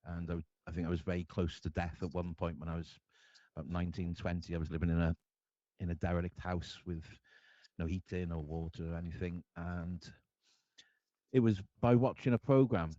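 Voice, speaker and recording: A guest artist from Cardiff, Wales, tells a candid personal story in a very low, mellow voice, speaking earnestly but haltingly and often stopping to restart his sentences. His intonation stays fairly even. The recording is dull and lo-fi, completely dry with no room sound.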